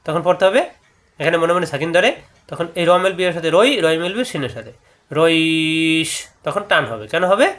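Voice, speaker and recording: This is a man with a high voice and a Bangladeshi Bengali accent, teaching the rules of Quran recitation. He explains each rule step by step and breaks off to chant the verses slowly. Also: lively intonation, fairly bright tone. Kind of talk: tajweed lesson with chanted recitation.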